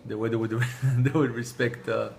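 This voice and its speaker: A man from Israel whose first language is Hebrew answers interview questions as a car sales manager, hesitant and full of restarts and fillers. His voice is medium-pitched, steady, creaky, and at normal speed.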